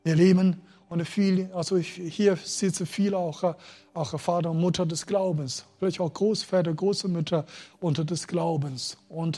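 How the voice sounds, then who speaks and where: Husky-voiced man preaching a sermon. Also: on the high side. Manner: emotional, swings between loud and quiet; makes grammar slips and restarts.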